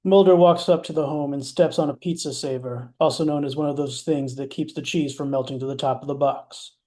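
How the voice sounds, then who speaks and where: A man's voice: on the high side, fairly even intonation, a little fast, mellow. A man narrating stage directions in a matter-of-fact way, with wry asides. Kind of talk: scripted narration.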